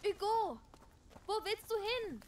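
A woman's voice: very high-pitched, very animated, unhurried, a little mellow, slight background noise, heavily acted. An actress voicing a determined teenage girl who protects her little brother, speaking firmly and with care in a dubbed video game. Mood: urgent, firm. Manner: urgent, caring, firm. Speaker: game character voice.

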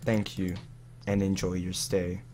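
A man's voice: low voice, flat delivery, measured pace, a little mellow, a little hiss or hum. A man playing a video game with friends, chatting casually in a playful, teasing way. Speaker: Minecraft player, channel co-host. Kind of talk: casual gaming chat with friends.

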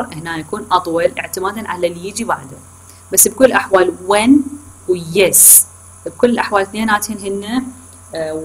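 Woman, Iraqi Arabic accent, university lecturer, slightly low voice, breathy edge, self-correcting, mixes in English terms. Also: low-quality recording. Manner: addresses students directly with check-in questions. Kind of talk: recorded online lecture.

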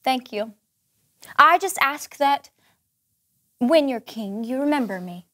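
A woman in her thirties playing a brisk, resourceful, diplomatic wife in a comic children's Bible sketch. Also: high voice, animated, pushed and bright, full character voice. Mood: persuasive. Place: studio with green-screen backdrop.

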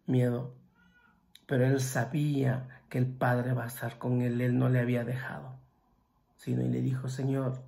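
Gravelly-voiced preacher man, dramatic. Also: mid-range voice. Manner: swings between loud exclamations and hushed, near-whispered passages; speaks to listeners directly with rhetorical questions. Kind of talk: sermon.

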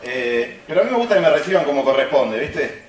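A man's voice: mid-range voice, lively intonation, brisk. A man with a Rioplatense accent doing stand-up magic patter and joking with a live audience at an event. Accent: Rioplatense Spanish. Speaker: magician and comedian. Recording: echoey hall, far from mic, crowd noise. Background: audience laughter and chatter.

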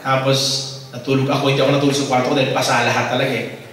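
A priest tells a personal story in his sermon and acts out each voice with animation. His mid-pitched voice comes from a distance and rings through a very echoey hall. Faint noise sits under the voice. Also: very fast. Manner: animated storyteller acting out dialogue. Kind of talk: sermon testimony.

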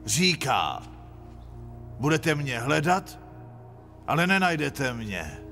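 A man's voice: a little high, sing-song, pushed and bright, soft background music, pitched above the performer's own voice, full character voice. A man voicing a doubting male temple leader who sounds questioning and incredulous.

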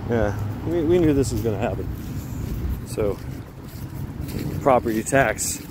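Animated and mid-range in voice, a middle-aged American vlogger meanders through a casual chat on a neighborhood sidewalk, speech halting and broken by remarks to his dog. The handheld phone at arm's length picks up street noise and passing cars.

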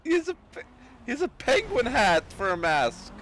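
A man's voice: extremely high pitch, huge pitch swings, moderate pace, a bit bright, a little hiss or hum. A man giving casual reaction commentary as a streamer, laughing as he talks, giddy and breathless with amusement, on a close mic.

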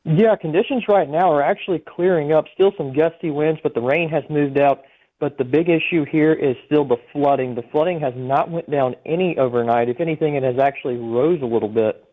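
A man's voice: fairly high pitch, a little fast. A man giving a live eyewitness report as a storm chaser in a phone interview. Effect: phone line. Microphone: telephone. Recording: thin, narrow-band phone line.

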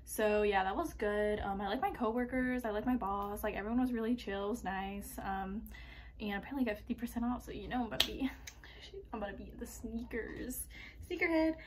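A woman's voice: medium pitch, a little fast, a little hiss or hum. A woman, chatting casually to her phone camera in a student vlog, upbeat and full of fillers. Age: 20s. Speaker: college student vlogger.

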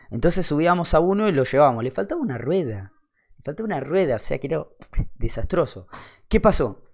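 A man's voice: mid-range voice, a little mellow. A young man with an Argentine accent telling a funny anecdote in slangy, swearing casual talk. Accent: Argentine Rioplatense. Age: young adult. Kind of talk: casual storytelling.

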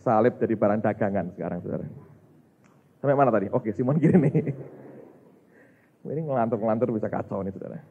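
A man, a pastor, preaching a lively sermon, acting out dialogue and calling the congregation "saudara". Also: fairly low pitch, fairly quick, gravelly, long pauses, slightly rough. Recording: muffled, slightly lo-fi sound.

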